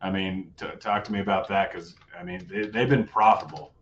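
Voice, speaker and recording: A man's voice: low voice, fairly even intonation, a bit bright, highs cut off, slight background noise. A man hosting a live sports betting show, chatting casually and running through his picks. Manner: casual, joking, quick rundown of picks. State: voice going hoarse.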